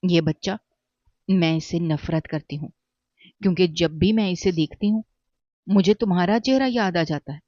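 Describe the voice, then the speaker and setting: A man's voice: high-pitched, pauses often, darkish tone, no echo, close to an everyday voice. A man voicing a bitter, wronged young mother who speaks coldly and scornfully, in a dull, dry recording.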